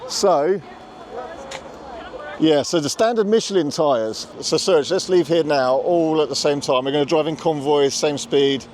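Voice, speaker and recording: A man's voice: a little high, unhurried, darkish tone. A man from South London with a matching accent, talking casually as a vlog host, with a slightly raised voice. He chats from a car and a charging stop, and faint street noise sits behind him. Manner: chatty, laughs often, explains step by step. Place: inside a car and at a charging station.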